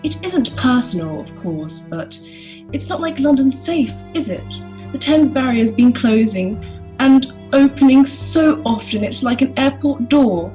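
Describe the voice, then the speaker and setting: A woman's voice: high voice, lively intonation, unhurried, dark tone, soft background music, pitched above the performer's own voice. A woman voicing a bitter, posh middle-aged aunt who lectures in a prim, put-on posh voice. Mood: lecturing.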